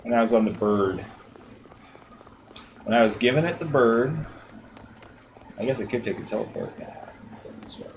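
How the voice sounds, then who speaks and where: A man's voice: mid-range voice, animated, normal speed, long pauses. A man streaming a video game live, muttering and swearing casually at it as he plays. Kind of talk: casual gameplay commentary. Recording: noisy livestream audio.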